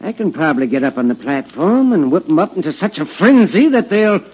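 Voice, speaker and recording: An actor playing a scheming small-town banker in an old radio western, stirring up a crowd in an oily, wheedling manner. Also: male voice, a little high, very animated, brisk, breathy edge. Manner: rabble-rousing, wheedling and oily. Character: scheming smooth-talking small-town banker, male, middle-aged. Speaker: villain. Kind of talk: 1940s radio acting. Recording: dull old radio recording.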